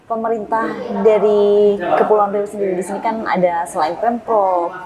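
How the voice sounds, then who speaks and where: A woman interviewer at an ordinary pitch asks brief, quick questions and gives short affirming murmurs. Loud crowd chatter sits behind her voice. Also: flat delivery, poor audio.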